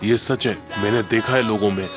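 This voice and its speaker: A man's voice: fairly low pitch, steady tone, a little fast, lightly acted. A man dubbing an earnest young man in a Hindi film, trying to persuade a woman. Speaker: dubbing actor. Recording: film soundtrack with loud music.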